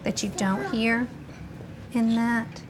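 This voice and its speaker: A woman's voice: a little high, fairly even intonation, slow. Woman teaching young children, noisy room. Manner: instructive, prompting children with questions. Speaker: primary school teacher. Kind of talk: interactive classroom writing lesson. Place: primary school classroom. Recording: noisy classroom ambience. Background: room noise and young children.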